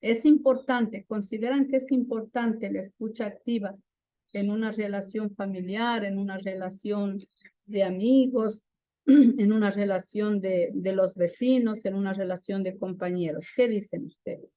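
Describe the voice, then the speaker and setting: A woman's voice: medium pitch, fairly even intonation, a little slow, dark tone, no room sound, lo-fi sound. A woman teaching a class on active listening, often asking her students questions and tagging her points with a questioning "¿no?". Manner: asks the class frequent questions, adds "¿no?" often. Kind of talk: classroom lesson.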